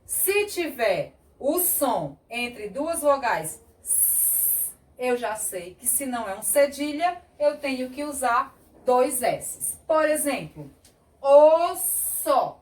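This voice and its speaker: A Brazilian woman teaching young children, sounding out words slowly and clearly as she explains spelling. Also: high voice, very animated. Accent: Brazilian Portuguese. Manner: slow, sing-song, exaggerated word sounding. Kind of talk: children's lesson. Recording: echoey room, a bit far from mic.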